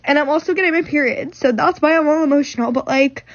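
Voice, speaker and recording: Young woman, twenties, rambling complaint, dry close sound, high voice. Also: quick pace, dry recording, highs cut off. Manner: rambling, filler-heavy complaining. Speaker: recent graduate venting to camera. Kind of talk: casual venting vlog.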